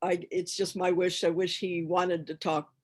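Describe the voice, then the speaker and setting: Halting woman searching for her words. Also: lowish voice, little pitch movement. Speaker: hospice volunteer seeking advice. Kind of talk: casual, personal account on a group call.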